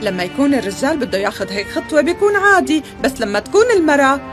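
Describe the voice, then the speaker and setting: A dubbing actress playing an outspoken middle-aged aunt, arguing in quick rhetorical bursts. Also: female voice, sits high, expressive. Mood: argumentative. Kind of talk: dubbed TV drama acting. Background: music.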